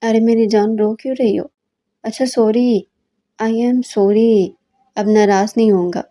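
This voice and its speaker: A doting young husband in a romance audiobook, joking and coaxing his wife, read by a female narrator. The voice is mellow and close to a plain reading. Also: a little high, steady tone, natural voice. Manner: teasing, coaxing.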